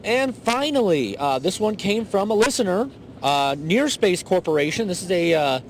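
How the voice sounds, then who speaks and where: Here is a man who reports flight-test news in an easy, offhand way, dropping in fillers and dry asides. His voice sits a little higher than most men's, and a faint low rumble runs under it. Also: big pitch swings, normal speed. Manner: informal, filler-heavy, wry. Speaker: listener correspondent.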